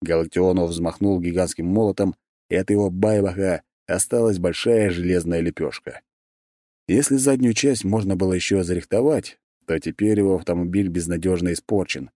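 Male audiobook narrator, low dark voice, lively delivery, dry close sound. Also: moderate pace, dry recording. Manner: expressive storytelling. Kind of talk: scripted narration.

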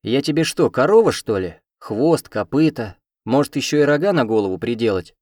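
A man's voice: medium pitch, lively intonation, normal speed, no room sound, studio quality, pitched above the performer's own voice, close to an everyday voice. Man voicing a hot-tempered young woman. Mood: indignant. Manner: snapping, threatening, shouting. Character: fiery young woman student, quick-tempered. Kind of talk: audiobook character voice.

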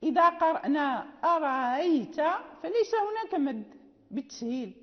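A woman teaching Quran recitation in a classroom lecture, with a high voice. She explains each rule step by step, repeats the key terms, and slows down to recite example verses. The recording is muffled and carries a long, echoing reverb. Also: sing-song.

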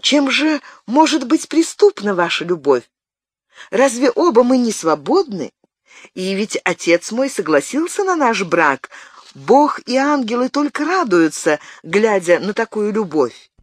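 A young noblewoman in love speaks through an audiobook, as the reader lifts the voice well above their own. Her lines are earnest and pleading, and her pitch swoops about with feeling. The sound is close and dry. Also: big pitch swings, unhurried, no room sound. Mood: bewildered. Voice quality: higher, lighter voice. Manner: tender and pleading. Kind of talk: audiobook narration.

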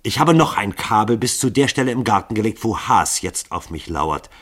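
A male narrator voices an older chief of assassins who speaks with calm, polite control. His lowish, husky voice moves with a lively lilt in an audiobook reading. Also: moderate pace.

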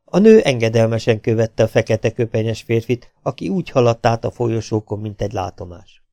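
A man with a Hungarian accent reads an audiobook aloud in an even, measured way. His voice is dark and mellow, at a middle pitch. The close recording is dry, with no room sound. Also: gravelly, dry recording. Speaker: audiobook reader. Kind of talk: audiobook narration.

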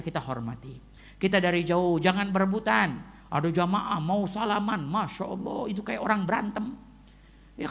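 A male preacher giving a casual, joking sermon and telling stories vividly, acting out the people in them. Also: sits high. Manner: animated storytelling, acting out the people in the story.

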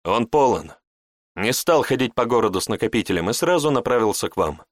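A man narrating a story in the first person, with expressive storytelling. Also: medium pitch, fast talker, dry recording. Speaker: audiobook narrator. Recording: dry close audiobook recording.

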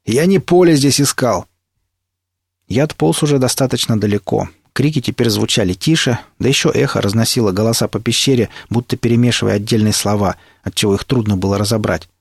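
A man narrating an adventure novel in the first person, with steady storytelling. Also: lowish voice, fast, vocal fry, hardly any pauses, breathy edge, dry recording, studio quality. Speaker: audiobook narrator. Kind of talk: audiobook reading.

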